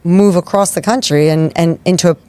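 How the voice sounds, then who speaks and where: A woman in her forties hosts a podcast interview, her voice fairly low and dark in tone, her pace brisk. She is effusive and enthusiastic, often affirming her guest.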